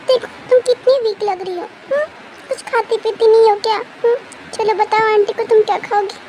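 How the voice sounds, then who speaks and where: Motherly aunty, soothing yet firm, very high mellow voice, as a woman puts her on. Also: steady tone, moderate pace, slight background noise, rough recording.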